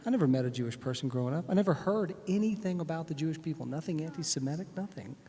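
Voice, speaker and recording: Brief: man, storyteller on stage, a bit higher voice, long reverberant sanctuary sound. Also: rapid-fire. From Texas. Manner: animated, acts out voices in anecdotes. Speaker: guest musician. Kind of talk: conversational storytelling. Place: synagogue sanctuary.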